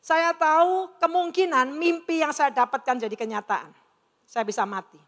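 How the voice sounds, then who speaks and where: Telling her story earnestly to a hall audience, a middle-aged woman acts out the lines she quotes in her testimony. She has a high, somewhat bright voice and a moderate pace, and the large hall adds a long reverb.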